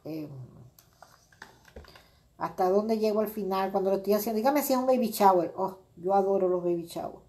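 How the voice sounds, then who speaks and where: A woman's voice: mid-range voice, normal speed, long pauses, warm tone. A middle-aged woman hosting a crafting video, chatting casually and rambling with many fillers as she greets viewers by name. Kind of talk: casual crafting livestream chat.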